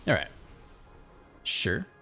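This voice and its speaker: A man giving casual, chatty commentary over his own card game, thinking aloud and breaking into excited outbursts. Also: very slow, soft background music. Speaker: gaming channel host.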